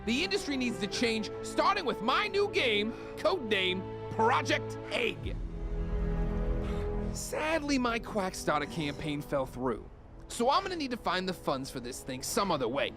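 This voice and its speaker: High-pitched wisecracking cartoon duck. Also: male voice, big pitch swings, a little slow, heavily acted. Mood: scheming, indignant. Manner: wisecracking, salesman-like. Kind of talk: video game character dialogue. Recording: music behind the voice.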